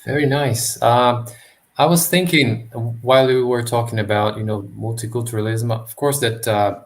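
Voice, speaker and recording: A man hosting an interview, asking long questions in a halting way as he searches for words. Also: mid-range voice, fairly even intonation. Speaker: host. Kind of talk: interview conversation.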